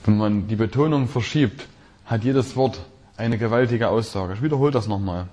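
A man preaching a sermon, reading scripture aloud slowly and repeating key phrases with shifting emphasis. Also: on the low side, warm tone.

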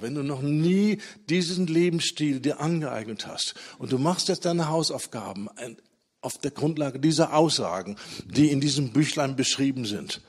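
A man preaching a sermon with emphatic, measured delivery, stressing single words slowly and then hurrying through asides. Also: on the high side, slightly rough. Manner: emphatic, swings between slow stressed words and quick asides.

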